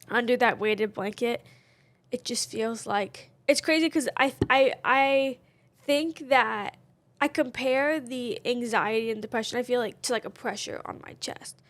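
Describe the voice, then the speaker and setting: A woman co-hosts a podcast, chatting casually and candidly with plenty of fillers. Her voice is fairly high-pitched and fairly bright, with no room sound.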